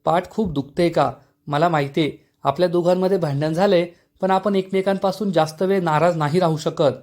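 A man's voice: fairly high pitch, fairly even intonation, fairly quick, lightly acted. A man reading as a hurt young wife. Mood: sad. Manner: soft, pleading.

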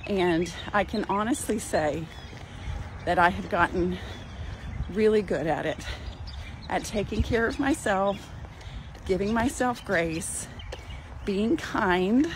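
A woman's voice: mid-range voice, slow, long pauses. An older woman talking in a casual, encouraging way to her viewers as she walks outdoors, filming herself with a phone at arm's length. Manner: warm, encouraging, chatty. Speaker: cooking channel host. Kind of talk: casual walking vlog. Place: outdoors in a parking lot. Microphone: phone held at arm's length. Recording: outdoor phone audio with clear background noise.

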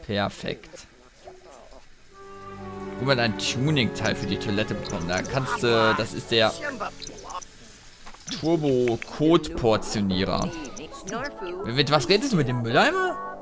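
A man giving casual commentary while playing a video game, talking to his characters in an animated way, with game music behind him. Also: medium pitch, measured pace, long pauses. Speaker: let's play host.

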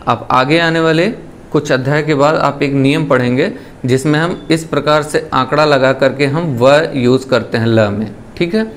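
A man's voice: a little high, moderate pace, a little hiss or hum. A man teaching a shorthand lesson. He explains step by step, patiently, and keeps checking in with the listener.

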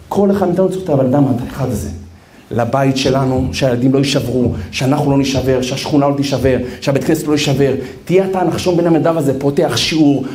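A man, a rabbi, giving a live sermon with lively storytelling and acted-out quotes in a large hall. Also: on the high side. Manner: animated, acts out quotes, addresses listener as brother. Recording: roomy hall echo.

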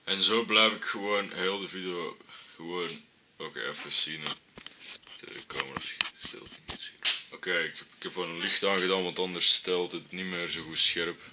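A man's voice: low-pitched, moderate pace, heavy background noise. A young man with a Flemish accent, chatting casually and with amusement as he reacts to his own old video. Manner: chatty, amused, relaxed storytelling.

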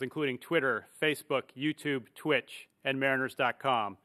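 A middle-aged man opening a news conference at a podium mic, making measured, procedural announcements as moderator. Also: medium pitch, bright, forceful tone. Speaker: club communications executive, moderator. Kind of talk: formal press-conference opening. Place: press room at a podium.

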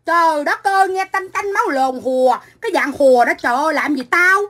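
A middle-aged woman from Vietnam, ranting into her phone on a livestream. Her voice sits high and cuts bright and sharp as she hurls foul-mouthed, combative insults. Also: brisk. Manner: profane, combative, shouting insults. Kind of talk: angry livestream rant.

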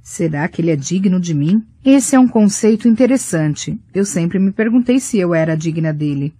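A woman narrating a first-person romance audiobook in a soft, reflective way. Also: fairly low pitch, animated, moderate pace, slightly rough, no echo.

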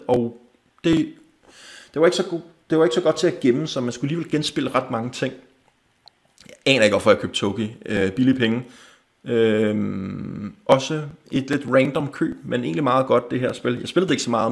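Young man, gravelly voice, casual stream host, brisk one-line opinions, frequent chuckles. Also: medium pitch. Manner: quick offhand verdicts with frequent chuckles. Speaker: gaming channel host. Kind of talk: casual livestream chat.

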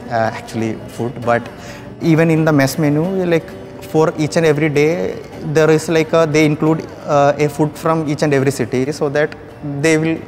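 Young male student from Kerala, slightly high pitch, casual, music under. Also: steady tone, moderate pace, a little mellow. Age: young adult. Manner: casual, filler-heavy. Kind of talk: interview.

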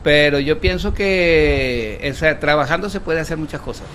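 A man in his fifties with a Venezuelan accent, a cook talking slowly and sincerely into a handheld mic in a restaurant kitchen. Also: a little high, fairly bright tone, a little hiss or hum. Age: 50s. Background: music.

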